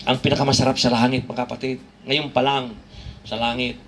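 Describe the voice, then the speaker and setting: A man's voice: medium pitch, flat delivery, a little fast, a crowd in the background. A man with a Filipino accent preaching a sermon to his congregation, conversational and joking, rising to emphatic peaks. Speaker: pastor.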